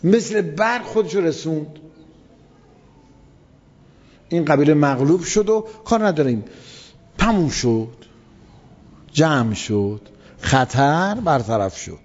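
A fairly high-voiced man preaches in a relaxed, chatty way, repeating words to drive each point home. His voice rings with a long hall reverb. The recording sounds dull and lo-fi. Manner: vivid retelling with emphatic repetition. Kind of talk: colloquial religious storytelling lecture.

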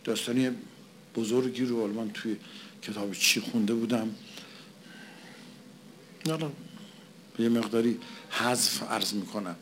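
A man's voice: lowish voice, long pauses, slight background noise. A man preaching a conversational sermon, asking and answering his own questions and repeating phrases for emphasis.

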